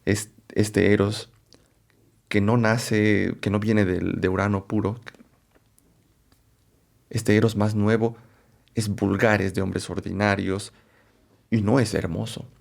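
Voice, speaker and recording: A man presenting a philosophy lecture, unhurried and thinking aloud, often checking in with rhetorical questions and correcting himself as he goes. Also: fairly low pitch, level tone, gravelly. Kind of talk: explanatory lecture to camera.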